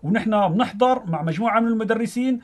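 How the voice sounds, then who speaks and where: A middle-aged man with a Syrian accent explaining earnestly as a teacher in a radio interview, haltingly and repeating phrases for emphasis. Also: sits high. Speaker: mathematics teacher, studio guest.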